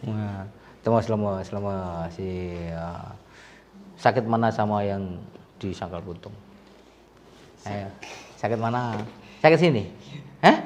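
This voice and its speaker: A man's voice: lowish voice, slow pace, pauses often, a little mellow, a little hiss or hum. A male sports massage therapist, explaining to viewers while treating a patient, chatty and full of sympathetic exclamations. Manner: chatty, alternates coaxing the patient and addressing viewers.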